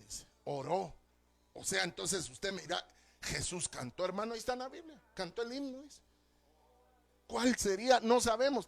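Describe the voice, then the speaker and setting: A fervent male pastor with a Guatemalan Spanish accent delivers a sermon. His voice sits high for a man. He keeps turning to the listeners as brother. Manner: fervent preaching, often addressing listeners as brother.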